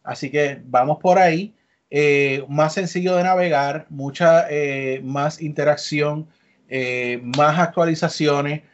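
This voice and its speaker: A chatty man hosting a casual podcast, keeping the talk moving. His voice sits a bit high for a man. The audio is dull and lo-fi. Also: takes it slowly. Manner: chatty, upbeat, leading the talk. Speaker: podcast host.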